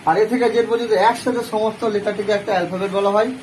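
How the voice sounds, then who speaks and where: A man's voice: high voice, steady tone, fast talker, a little mellow, slight background noise, rough recording. A man with a Bengali accent teaching an English grammar lesson, explaining step by step and asking and answering his own questions.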